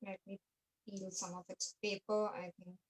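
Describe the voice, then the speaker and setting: A woman's voice: medium pitch, little pitch movement, drawn-out words, poor audio. A young woman with an Indian English accent, teaching an online art class to children, patient and coaxing, repeating her steps as she mixes Hindi and English.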